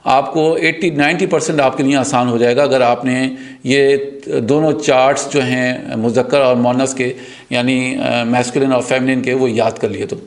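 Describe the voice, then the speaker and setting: Brief: male teacher, patient, repeats terms slowly, mid-pitched voice. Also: fairly even intonation. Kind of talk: grammar lesson.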